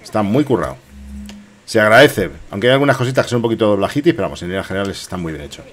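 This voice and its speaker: A man's voice: fairly low pitch, animated, rapid-fire. A man in his fifties with an accent from Spain, giving casual, jokey gameplay commentary and muttering to himself. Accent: Spanish from Spain. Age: 50s. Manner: jokey, muttering to himself, echoing the game's lines. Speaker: game streamer. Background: game music.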